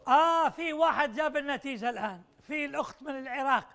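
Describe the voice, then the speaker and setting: A man's voice: very high-pitched, fast, gravelly, a bit bright, a little hiss or hum. A man running a puzzle exercise at a conference workshop, teasing and urging participants, mixing Arabic and English. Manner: playful, teasing, urging people on; switches between Arabic and English.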